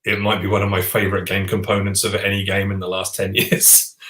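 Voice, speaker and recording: Chatty low-voiced man in an echoey room. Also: completely flat delivery, fairly quick, a bit bright. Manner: chatty and enthusiastic, with frequent restarts. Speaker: podcast co-host. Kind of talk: casual chat about board games. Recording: roomy echo.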